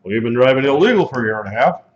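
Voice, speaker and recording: A man's voice: medium pitch, lively intonation, rapid-fire, echoey room, natural voice. A man playing a stern state trooper who scolds a young truck driver in a blunt, folksy way. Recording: dull lo-fi classroom recording.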